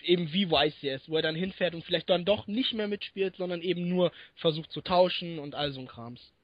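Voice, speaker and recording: A man's voice: on the high side, a little fast, dry recording. A man co-hosting a casual podcast chat, rambling with many fillers and laughing often. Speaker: podcast co-host. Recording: dry, dull lo-fi sound.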